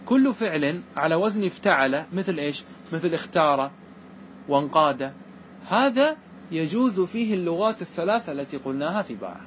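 A man teaching a classroom lesson on Arabic grammar verses, reciting lines slowly and then explaining them while often asking his students whether they follow. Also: on the high side, lively intonation, slight background noise. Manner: checks understanding with repeated questions to students.

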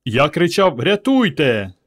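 A man's voice: medium pitch, very animated, normal speed, slightly rough. A man doing a brash, bellowing young man. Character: rough, blustering young man, bass.

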